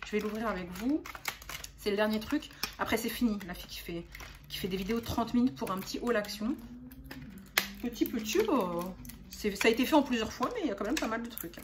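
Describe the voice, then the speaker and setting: A woman's voice: on the high side, fast, noisy background. A young adult woman chatting casually as a beauty vlogger, talking in a chatty, hesitant way with frequent fillers and restarts. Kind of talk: casual haul chat.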